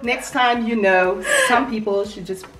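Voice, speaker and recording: A woman hosting a casual language guessing game, reading phrases slowly and apologizing for her pronunciation. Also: mid-range voice, over a noisy crowd. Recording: echoey room, far from the mic, faint noise.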